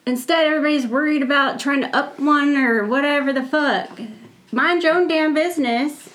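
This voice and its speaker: A woman's voice: high voice, normal speed, fairly bright tone. A woman in her thirties co-hosting a casual podcast, blunt and ranting with constant swearing. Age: 30s. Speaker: podcast co-host.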